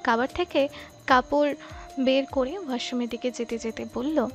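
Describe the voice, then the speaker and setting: High-voiced woman narrating a love story. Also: moderate pace, soft background music. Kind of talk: scripted narration.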